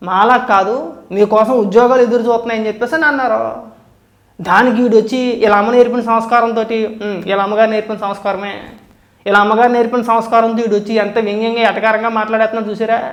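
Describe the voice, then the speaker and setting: Fast, heated man ranting. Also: very high voice, fairly bright tone, echoey room. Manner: heated, scornful, insulting, repetitive. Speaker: political commentator. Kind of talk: angry political rant.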